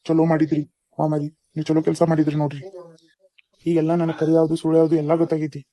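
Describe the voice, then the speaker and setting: A man's voice: a little high, monotone, fast, mellow, lightly acted. A man voicing an earnest young husband. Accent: North Karnataka Kannada. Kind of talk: cartoon voice acting.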